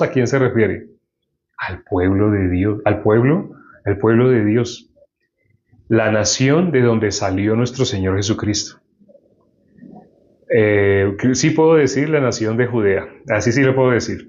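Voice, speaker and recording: A man's voice: medium pitch, darkish tone. A man preaching a sermon and reading from the Bible, explaining and putting questions to his listeners. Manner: explanatory, asks the audience questions. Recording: dull lo-fi recording.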